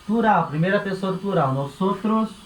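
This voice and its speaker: A man's voice: high voice, moderate pace. A man from Brazil teaching a Spanish grammar lesson, patient and repetitive, checking in with the listener after nearly every phrase. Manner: patient, repeats points, tags phrases with "né?" and "tá?". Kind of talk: explanatory language lesson. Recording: echoey room with faint ambient noise.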